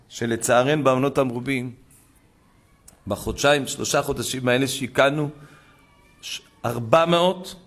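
A man giving a rabbi's sermon to a gathering, preaching with fervor and retelling conversations. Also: medium pitch. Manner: fervent preaching that builds to loud exclamations. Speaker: rabbi giving a Torah talk.

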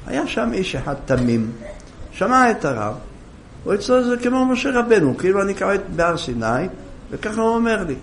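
A man with a high, gravelly voice tells a sermon story with lively, animated delivery. Faint noise sits behind him. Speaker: rabbi telling a moral story.

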